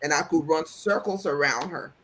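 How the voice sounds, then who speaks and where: A woman's voice: low voice, moderate pace, slight background noise. A woman from Africa, telling a story in casual conversation and acting out voices. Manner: animated, acts out quoted voices.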